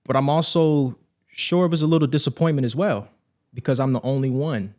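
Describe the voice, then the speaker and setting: A young man speaks as a podcast guest and tells a personal story in a loose, conversational way. His pitch sits in the middle, and he brings the story to life by acting out friends and family. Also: fairly quick. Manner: animated, acts out quoted voices. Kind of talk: storytelling in casual interview.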